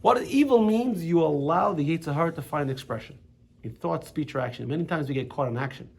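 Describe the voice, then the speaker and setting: A man's voice: on the high side, animated, brisk, creaky, breathy edge. A man teaching a religious class as rabbi, chatty and full of restarts and asides. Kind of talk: Torah lesson with casual storytelling. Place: classroom with students.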